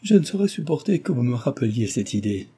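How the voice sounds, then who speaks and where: A man's voice: big pitch swings, a little fast, warm tone, slightly rough. A man voicing a proud, distressed young heiress. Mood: ashamed, agitated. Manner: pleading, emotional, high-strung. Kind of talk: audiobook reading.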